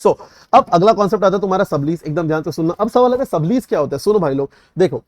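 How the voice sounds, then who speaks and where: A young man teaches at a rapid clip, his voice a little higher than most. The sound is dry and close. He keeps checking that his students have understood. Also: expressive, no room sound. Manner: repeatedly checks understanding, mixes English terms into Hindi. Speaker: CA exam tutor. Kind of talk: revision lecture.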